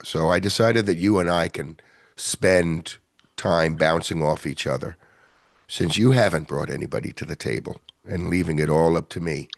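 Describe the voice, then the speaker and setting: A man hosting a podcast in casual chat, rambling and self-deprecating, with a gravelly voice. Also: sits low, moderate pace, dry recording, studio quality. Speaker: podcast host.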